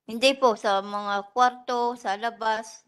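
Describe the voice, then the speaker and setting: A woman testifying as a witness at a hearing, answering softly and politely in short replies. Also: fairly high pitch, fairly even intonation, takes it slowly, clear, resonant tone. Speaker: witness, domestic worker. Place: legislative hearing room.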